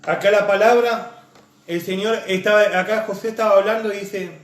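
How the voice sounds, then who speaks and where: A man preaching, his voice pitched high for a man and ringing with reverb in a church room. He talks earnestly, stacking repeated phrases and lists as he weaves personal testimony into the sermon. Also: steady tone, a little fast.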